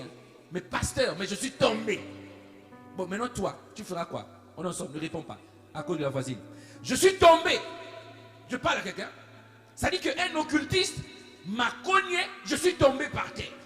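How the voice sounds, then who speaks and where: High-pitched, animated preacher man. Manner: storytelling preacher, swinging from hushed asides to shouted declarations. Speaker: pastor. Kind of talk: sermon. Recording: echoey room with faint music.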